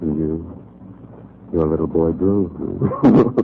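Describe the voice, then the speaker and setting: In a 1940s radio noir, an actor voices a hard-boiled, wisecracking newspaper columnist who narrates his own story in the first person, terse, tough and defiant. The male voice is deep and slow, and the old radio recording sounds noisy and muffled.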